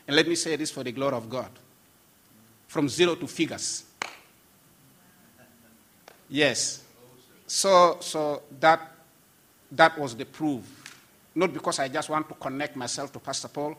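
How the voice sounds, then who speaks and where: Husky-voiced pastor. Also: male voice, mid-range voice, bright, forceful tone. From South Sudan. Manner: earnest, emphatic, with frequent restarts and laughs. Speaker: pastor and guest. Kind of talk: testimony in conversation.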